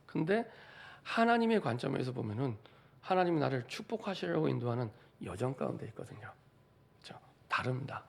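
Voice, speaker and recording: This middle-aged pastor's Sunday sermon comes in a brisk, gravelly, sing-song mid-range voice, delivered in a church sanctuary. He drives his points home by repeating phrases and posing rhetorical questions to the congregation.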